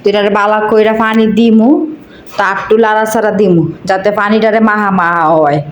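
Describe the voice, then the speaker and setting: This Bangladeshi cooking vlogger from Cumilla speaks briskly in a steady, mid-range voice, using the Cumilla Bengali dialect. She walks viewers through a recipe while chatting with them like friends, recorded in a roomy space with a little hiss or hum.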